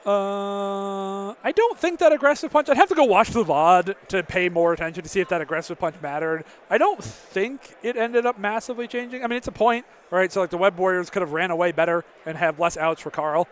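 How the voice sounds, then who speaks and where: A man's voice: sits high, a little fast, few pauses, a little hiss or hum. A man casually commentating a tournament live stream, answering chat questions with frequent fillers and sounding slightly worn in the voice. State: slightly losing his voice.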